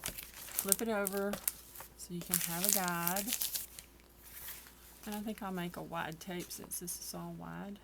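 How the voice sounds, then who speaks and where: A woman's voice: on the low side, fairly even intonation, unhurried, creaky, long pauses, heavy background noise. A tired woman chatting casually through a craft tutorial, rambling and poking fun at herself. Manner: chatty, self-deprecating, rambling. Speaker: craft vlogger.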